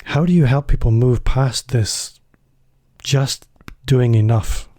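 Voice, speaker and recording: In this podcast interview, the male host of a business show speaks slowly in a mid-range, slightly mellow voice. He comes across as chatty and a bit self-deprecating, letting his questions come out loosely.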